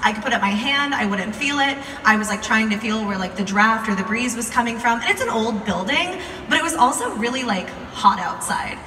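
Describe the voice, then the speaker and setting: A young American woman, a video creator, tells a story to a live audience in a chatty, informal way. Her voice is fairly high, quick and sharp. She was recorded from a distance in a large, echoey hall, with some noise.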